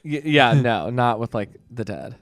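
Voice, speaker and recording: A man co-hosting a casual podcast chat, laughing often and teasing, his voice trailing off quietly at the ends of lines. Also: mid-range voice, lively intonation, takes it slowly, dry recording. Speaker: podcast co-host.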